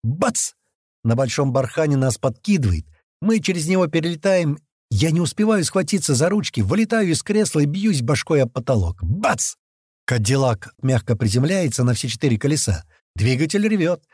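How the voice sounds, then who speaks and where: A man narrating a first-person action audiobook, acting out the crew's shouted lines as he reads. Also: fairly high pitch, moderate pace, breathy edge, no echo, studio quality. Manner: lively, voices the gang's shouts in character.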